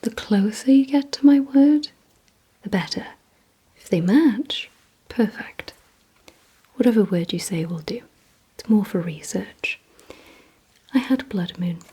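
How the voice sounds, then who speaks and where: In a mid-range, very breathy whisper that's mostly voiceless, a woman performs an ASMR roleplay. Her hushed instructions to the listener come slow and deliberate, soft and mellow in tone, on a rough recording.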